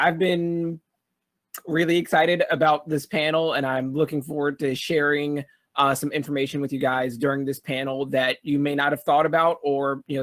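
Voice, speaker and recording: Higher-voiced man chatting as a panel guest. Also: fairly bright tone. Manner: friendly, laughs easily, filler-heavy. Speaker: panel guest, photographer and YouTuber. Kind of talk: casual panel talk.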